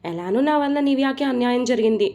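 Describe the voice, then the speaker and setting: A guilt-ridden young husband who shouts out his confession in a spoken storybook, as a woman narrator puts him on. The voice sits fairly high and sounds mellow rather than bright. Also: expressive, fast talker. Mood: shouting desperate.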